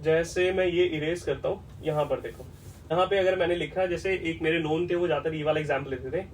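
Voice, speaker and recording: A man teaching an English lesson at a whiteboard, explaining step by step and often checking whether it is clear. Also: on the high side, brisk, distant mic, a little hiss or hum, low-quality recording.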